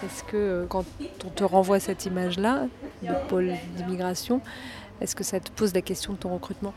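A woman interviewer asking quiet, measured questions, a little off-mic. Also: on the low side, flat delivery, crowd noise.

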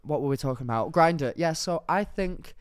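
A man's voice: on the high side, animated, moderate pace, clear, resonant tone, dry recording. A man co-hosting a comedy podcast, chatting in a playful, jokey way. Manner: playful, camp, jokey asides. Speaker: podcast co-host. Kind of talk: casual comedic chat.

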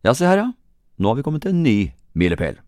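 A man hosting a podcast, telling a scripted story in a lively, wry way. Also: medium pitch, no echo, clean studio sound. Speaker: podcast host. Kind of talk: scripted narration.

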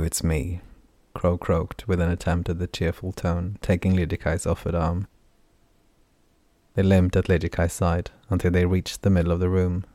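A man narrating a fantasy novel in an even, measured reading. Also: low-pitched, dry recording. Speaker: audiobook narrator.

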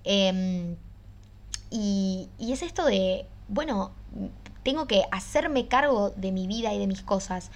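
A woman's voice: mid-range voice, lively intonation, slow pace. A young woman with a Rioplatense Spanish accent, co-hosting a casual podcast and talking in a rambling, reflective way full of fillers. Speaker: podcast co-host. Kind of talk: casual chat.

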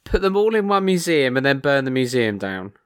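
A man co-hosting a podcast in casual chat, wry and quick to exclaim, often stammering as he restarts. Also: mid-range voice, big pitch swings, no room sound, clean studio sound. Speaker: podcast co-host.

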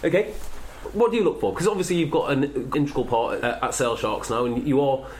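A man's voice: medium pitch, big pitch swings, fast, a little mellow, slight background noise. A man hosting a podcast interview in a jokey, chatty way. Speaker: podcast host. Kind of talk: casual interview chat. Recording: roomy echo.

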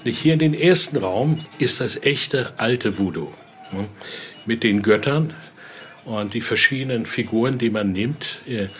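This unhurried man has a mid-range voice with lively intonation, guiding visitors informally as a museum expert and often checking in with brief tags at phrase ends. Noisy indoor ambience from the exhibition room is clearly audible.

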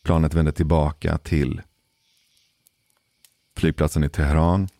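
A man telling a personal story in a casual, measured way, pausing for suspense. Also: rumbling low, flat delivery, creaky, warm tone, no echo. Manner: measured, deliberate pauses for suspense. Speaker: podcast storyteller.

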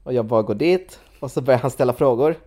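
Young woman, casual chat, animated retelling, quoted voices, fillers. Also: rumbling low.

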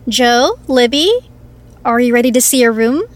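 Brief: a woman playing a polite hostess, bright-pitched, descriptive. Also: moderate pace, close to an everyday voice. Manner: courteous, descriptive tour-guide tone. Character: polite attentive inn hostess. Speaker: inn hostess.

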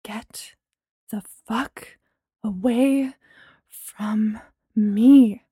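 A woman narrator voicing a hurt, icy young woman who speaks in breathy, clipped whispers. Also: on the high side, extremely slow, dark tone, no echo, clean studio sound, exaggerated voice. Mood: cold, hurt.

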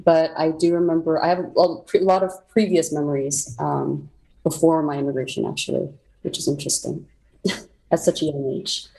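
A young woman from South Korea, an interview guest, tells her immigration story in a deep voice with little pitch movement, vocal fry, and a normal speed. She is reflective, with frequent ums and soft laughs, and the recording is low in quality.

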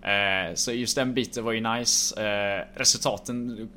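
A young man telling a travel story in a relaxed, rambling way, with many filler words. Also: lowish voice, a little hiss or hum. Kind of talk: casual storytelling chat.

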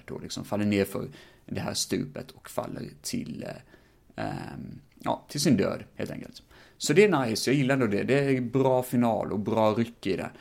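A man with a somewhat low voice hosts a podcast episode on his own. He talks through a film in a loose, rambling style, full of fillers and casual swearing. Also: creaky. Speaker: podcast host. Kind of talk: casual film review monologue.

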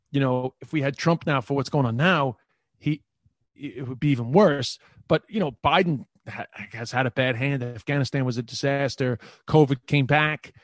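Clean studio sound with no echo carries a man's mid-range voice. He's a Queens-born comedian with a New York accent, chatting loosely as an interview guest, rambling along while repeating himself and restarting his lines.

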